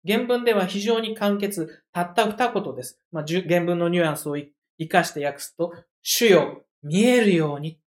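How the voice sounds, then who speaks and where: A preacher speaks in an even, mid-range voice, carefully explaining a scripture passage to a congregation. The delivery is measured and reflective, loosened now and then by casual, conversational asides. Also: mid-range voice. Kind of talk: sermon.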